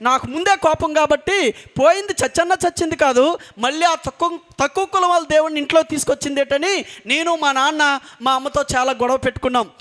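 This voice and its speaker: A man's voice: very high-pitched, fairly quick, fairly bright tone. A man, a preacher telling his family's testimony in an earnest way and driving points home by repeating them. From coastal Andhra Pradesh, India. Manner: earnest storytelling with emphatic repetition. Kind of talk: sermon testimony.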